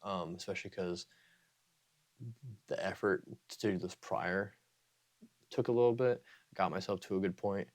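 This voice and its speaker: A man who hosts an ASMR channel, talking softly with a strained throat and rambling, often correcting himself and slipping into whispers. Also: deep voice, a little slow, long pauses. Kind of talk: soft-spoken ASMR outro chat.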